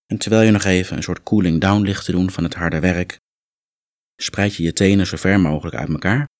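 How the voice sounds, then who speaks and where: A man guiding a muscle relaxation meditation, calm and instructive, gently coaxing the listener along. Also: deep voice, fairly quick, no echo, clean studio sound. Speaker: relaxation exercise guide.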